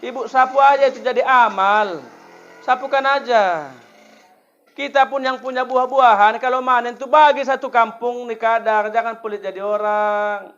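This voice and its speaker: A man's voice: very high voice, moderate pace, dull audio. A man with a North Sumatran Indonesian accent giving a humorous sermon to a women's study group, joking and speaking straight to his listeners. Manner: lively, joking, often addresses listeners directly. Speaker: preacher.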